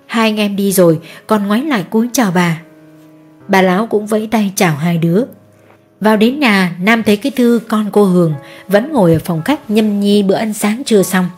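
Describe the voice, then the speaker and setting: A woman narrates an audiobook story in an even, steady voice. Her tone is husky and a little breathy. Faint music plays behind her. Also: medium pitch, a little fast.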